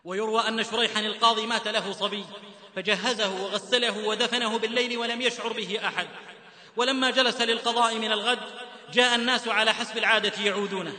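A man's voice: high-pitched, steady tone, fast, pushed and bright. A man from the Hijaz in Saudi Arabia preaching a sermon-style lecture, telling stories fervently and slipping into a chanted lilt. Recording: echoey hall reverb.

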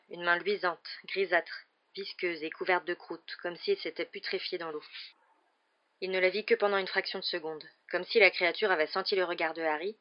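A woman narrating an audiobook in a steady, measured reading voice, in a dull lo-fi recording. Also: fairly low pitch. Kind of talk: scripted narration.

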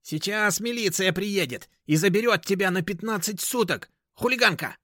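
A man voicing a quarrelsome, shrill woman neighbor who grumbles and scolds. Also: normal speed, a bit bright, no room sound, studio quality. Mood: gloating.

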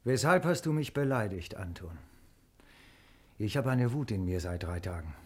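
A man's voice: fairly low pitch, lively intonation, normal speed, breathy edge. An actor playing an aggrieved, accusing man in a classic radio play. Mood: angry. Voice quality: resentful, accusing. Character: angry aggrieved younger man Marco.

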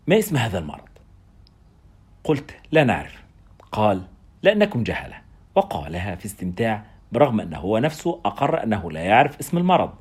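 A man's voice: fairly low pitch, darkish tone, breathy edge. A man narrating a story in the first person with dramatic delivery. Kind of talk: audiobook narration.

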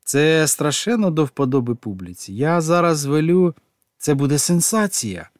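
In clean studio sound with no room noise, a man voices a showy, publicity-minded lady who speaks in an effusive, scheming way. His animated voice is a little high, pitched above his own yet close to an everyday voice, at a moderate pace.

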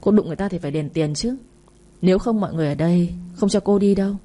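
A woman narrating as a gruff tattooed street thug. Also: fairly low pitch, racing, dark tone, natural voice. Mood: threatening. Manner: gruff, threatening, demanding.

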